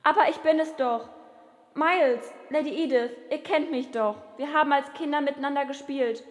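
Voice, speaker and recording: A woman's voice: high-pitched, moderate pace, in a large hall, lightly acted. A woman playing a proud, stubborn young nobleman who insists on who he is in an audio drama.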